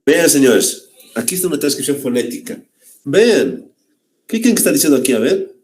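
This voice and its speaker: A man's voice: fairly high pitch, sing-song, moderate pace, a little mellow. A man teaching a language class to students, lecturing with frequent "very good" check-ins and direct address to the class. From Bolivia. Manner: repeats "muy bien" often, addresses students as "señores".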